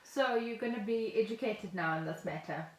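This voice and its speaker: Her mid-range voice moves at a normal speed as she, a South African woman, co-hosts a podcast and spins jokey stories in easy conversation. The recording comes over a remote call from her home, echoey and faintly noisy.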